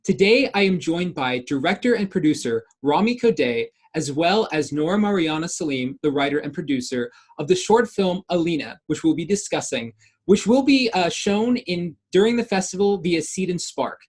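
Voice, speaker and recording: A man's voice: on the high side, animated, normal speed, breathy edge. A young man, a film student, hosting a festival Q&A in an upbeat manner with casual fillers. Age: young adult. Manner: upbeat, repeats fillers like "awesome" and "alrighty".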